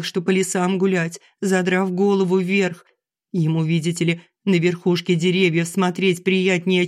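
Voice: mid-range voice, a little mellow, voice pushed up, close to an everyday voice. A narrator voicing an aggrieved middle-aged wife who complains shrilly and sarcastically through tears, in an audiobook. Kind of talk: audiobook character reading.

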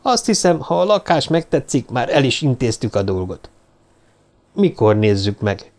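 A man's voice: medium pitch, sing-song, a little mellow. A man reading the part of Sherlock Holmes, a self-assured and somewhat fussy detective, in an audiobook. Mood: cheerful. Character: Sherlock Holmes, brisk eccentric male detective.

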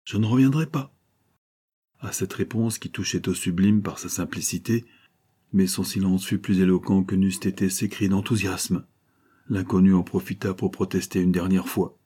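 A man narrating a classic novel as an audiobook, in a measured, literary reading. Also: sits low, little pitch movement, dark tone, slightly rough.

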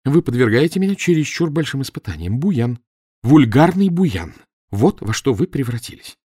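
A man voicing a shrill, furious middle-aged wife who scolds her husband in a high, shrieking voice, in an audiobook. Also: very animated, brisk, no room sound, clean studio sound. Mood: shrill scolding. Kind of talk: audiobook character voice.

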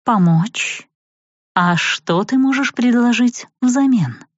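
A woman voicing a cold, colorless otherworldly being who slowly offers a dark bargain, in an audiobook. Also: fairly high pitch, dry recording, highs cut off, pitched above the performer's own voice. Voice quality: colorless, flat.

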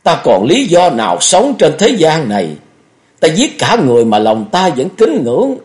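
A man's voice: lowish voice, very animated, moderate pace. A man voicing an anguished young male swordsman who pleads and cries out, in an audiobook reading. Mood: anguished shouting. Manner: pleading, shouts in grief.

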